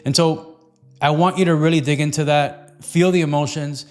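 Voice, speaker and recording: Earnest motivational man, slightly high voice. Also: steady tone, normal speed, faint music behind. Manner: earnest, loose, repetitive phrasing with many fillers. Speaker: nutrition and fat-loss coach. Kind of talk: motivational talk to camera.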